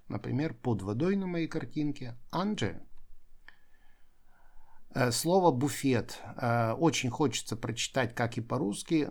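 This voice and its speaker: A man's voice: mid-range voice, gravelly. A man teaching English vocabulary, explaining each word and repeating it for pronunciation practice. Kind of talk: vocabulary lesson.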